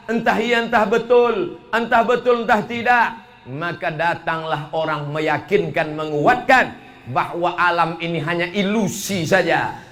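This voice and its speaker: A male preacher giving a humorous sermon in a mosque, drawing out solemn lines slowly, then rattling off jokes and bursting into shouts. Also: a little high.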